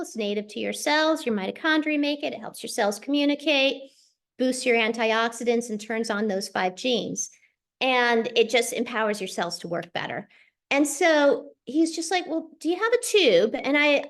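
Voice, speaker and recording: A middle-aged woman telling a personal story in a casual way, acting out the voices of the people she quotes. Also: high-pitched. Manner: animated, acts out quoted voices. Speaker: speaker sharing a personal story.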